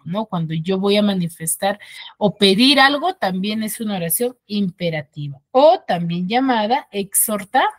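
Woman teacher in an online class, lively pitch swings, explains patiently and keeps asking pupils if they follow. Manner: explains step by step, asks pupils checking questions. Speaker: schoolteacher.

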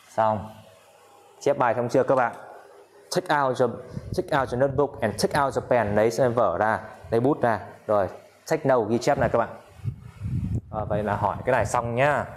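Guy teaching english in vietnamese, says phrases real slow and over again, keeps asking "got it?". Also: lowish voice. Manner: drills English words slowly, repeats himself, coaxing checks. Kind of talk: classroom-style video lesson.

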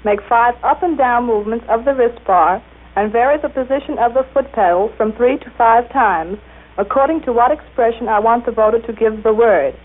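A woman giving a formal, scripted explanation with precise, measured enunciation. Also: on the high side. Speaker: machine operator being interviewed. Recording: tinny, band-limited 1930s radio recording.

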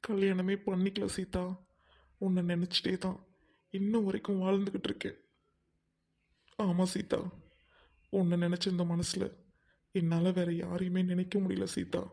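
A woman playing a gentle, devoted unmarried man who still loves his old sweetheart, speaking softly and earnestly in amateur drama acting. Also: lowish voice, monotone, unhurried, gravelly, long pauses. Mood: tender. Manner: soft, consoling, earnest.

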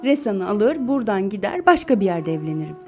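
Give me a woman playing a headstrong young man from a storybook, urgent and insistent, mellow tone. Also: mid-range voice, big pitch swings, brisk, faint music behind.

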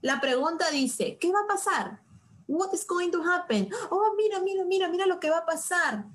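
A woman's voice: very high voice, expressive, moderate pace, a bit bright, rough recording. A woman teaching a live online English lesson. She draws out example sentences, asks her students questions and uses playful exclamations.

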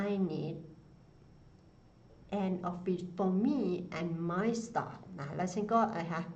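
A woman leads a patient English lesson. She speaks very slowly in a lowish voice and repeats each phrase before explaining it. The recording is dull and lo-fi. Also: darkish tone, a little hiss or hum. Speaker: English teacher. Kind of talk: slow bilingual English pronunciation lesson. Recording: dull lo-fi sound.

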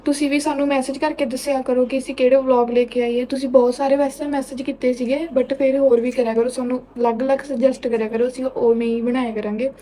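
A woman's voice: a little high, mellow. A woman with a Punjabi accent hosting a casual home vlog, chatting directly to her viewers. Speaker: vlog host.

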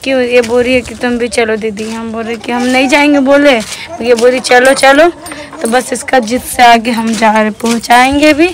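High-voiced woman vlogging. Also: fairly even intonation, normal speed. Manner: talkative, playful, addresses viewers as friends. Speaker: vlog co-host. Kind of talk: casual family vlog chat.

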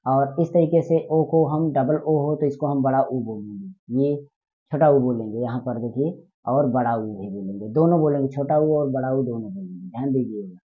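A man's voice: mid-range voice, normal speed. A man teaching a spoken grammar lesson, repeating words and quizzing his listeners with questions as he goes. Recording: tinny phone-like sound.

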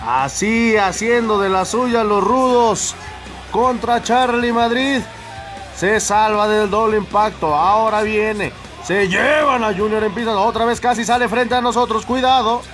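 High-pitched Mexican man calling lucha libre. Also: unhurried, soft background music. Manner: excitable, exclamatory. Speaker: wrestling commentator. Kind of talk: live lucha libre play-by-play commentary.

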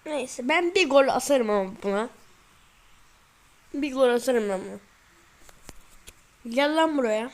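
A woman's voice: sits high, expressive, measured pace, long pauses. A sleepy woman hosting a football video game channel, chatting casually and rambling while she plays. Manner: chatty, rambling, repeats "neyse" often. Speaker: gaming channel host.

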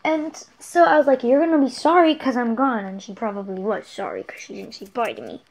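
A teenage vlogger with a stuffy nose rambles casually to her webcam, which sits on a desk lamp in her small bedroom. Her fairly high voice is brisk, with lively intonation and vocal fry, and she sometimes drops to a whisper.

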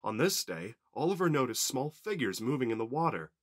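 A man narrating a children's train story in an expressive storybook reading. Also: mid-range voice, a little fast.

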